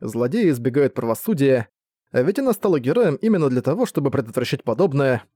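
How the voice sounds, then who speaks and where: A man narrating a novel in a steady, plain reading voice, recorded close to the mic. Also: medium pitch, fast talker, dry recording. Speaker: audiobook narrator. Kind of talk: scripted narration.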